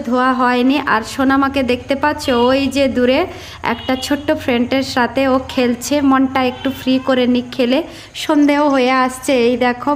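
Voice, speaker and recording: High-voiced woman soothing in an echoey kitchen. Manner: soothing, repeatedly comforting and pleading. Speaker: vlogger and mother. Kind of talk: daily home vlog. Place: small home kitchen. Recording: echoey room with loud background noise.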